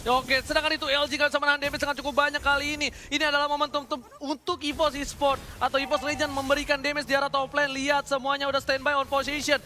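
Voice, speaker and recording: A man with an Indonesian accent working as an esports caster, calling a match in an excited, emphatic, hyped-up way. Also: extremely high pitch, fast, hardly any pauses.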